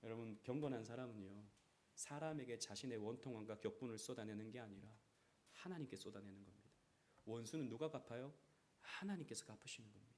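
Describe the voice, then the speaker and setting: A man's voice: on the low side, fast talker, a little mellow, slight background noise. A man preaching a sermon as pastor, acting out quoted prayers and voices. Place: church sanctuary.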